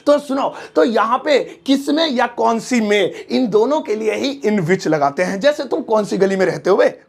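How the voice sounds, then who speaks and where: A man teaching English phrases in a casual, joking lesson, with chatty, slangy teasing asides, who repeats each English sentence slowly and clearly. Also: sits high.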